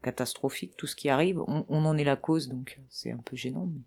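A woman's voice: low voice, brisk, gravelly, a little mellow, husky. French woman answering a street interview, lots of ums and restarts. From France. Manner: hesitant, many fillers and restarts. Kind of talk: vox pop interview answers.

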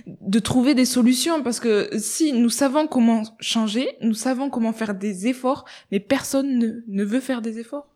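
Soft-spoken higher-voiced woman panelist. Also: moderate pace. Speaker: radio show panelist. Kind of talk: casual panel talk.

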